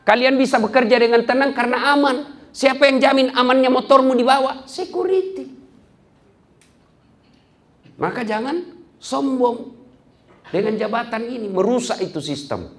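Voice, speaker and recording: A middle-aged man, giving a humorous sermon that swings from loud to soft. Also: very high voice, normal speed, pauses often. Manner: lively, acts out quarrels in a raised voice, swings from loud to soft. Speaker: preacher.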